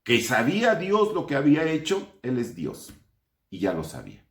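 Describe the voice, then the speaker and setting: A man's voice: mid-range voice, huge pitch swings, moderate pace, roomy sound. A man preaching an online Sunday sermon as pastor, putting questions to his congregation and calling them brothers.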